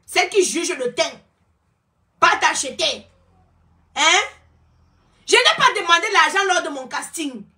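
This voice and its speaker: Lady ranting on a live, super high bright voice, throwing insults. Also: sing-song, unhurried, long pauses. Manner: scolding, mocking, insulting. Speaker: film producer running a casting. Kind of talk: live social media rant.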